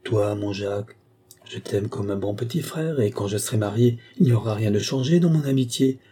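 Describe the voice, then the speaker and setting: A man voicing a gentle, teasing young village woman, lifting his voice slightly for her lines. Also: on the low side, animated, moderate pace, slightly rough.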